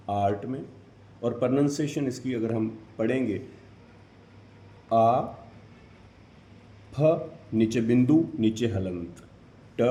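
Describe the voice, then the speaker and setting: Male pronunciation teacher, unhurried and mellow, spells sounds out step by step, roomy echo. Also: medium pitch. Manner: spells out sounds letter by letter, repetitive. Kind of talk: slow explanatory lesson. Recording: echoey room.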